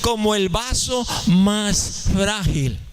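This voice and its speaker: A man's voice: high voice, drawn-out words, slight background noise. A man preaching a sermon, telling a funny story and chatting with the congregation. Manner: joking, anecdotal, conversational with the congregation. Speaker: pastor.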